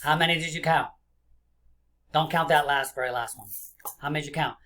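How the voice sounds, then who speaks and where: A man in his forties teaching young children like a kids show host, encouraging them with simple questions and pauses. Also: a little high, bright, forceful tone, slight background noise. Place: small indoor room.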